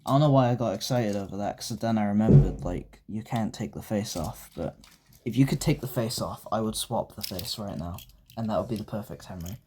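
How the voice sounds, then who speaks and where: Young man, low pitch, dark mellow tone, excitable, rambling casual vlog review. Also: slight background noise. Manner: rambling and excitable, gushing, with frequent fillers and restarts. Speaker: toy collector reviewing die-cast trains.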